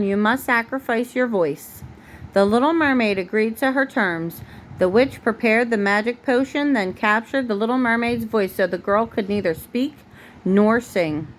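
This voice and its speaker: A woman with a fairly high voice reads a storybook to her young child the way a mother would, stopping now and then to answer patiently. It was recorded at home, and the quality is low, with noticeable background noise.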